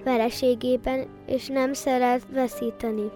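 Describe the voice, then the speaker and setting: Higher-voiced woman reading the news. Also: level tone, music in the background. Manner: measured reading with small slips and restarts. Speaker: news reader. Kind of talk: read radio news bulletin.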